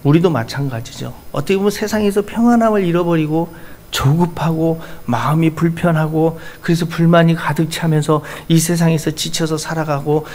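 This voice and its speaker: An earnest male pastor preaching to his congregation in church. His voice sits fairly high for a man and moves between loud urging and softer asides. A faint hiss runs behind him. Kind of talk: sermon.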